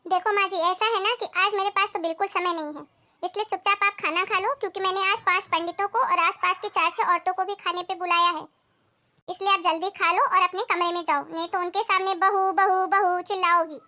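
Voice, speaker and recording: A woman's voice: very high-pitched, fairly even intonation, brisk, sharp tone. A woman playing a short-tempered, bossy daughter-in-law in a comedy family skit, scolding sharply and sarcastically. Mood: harsh.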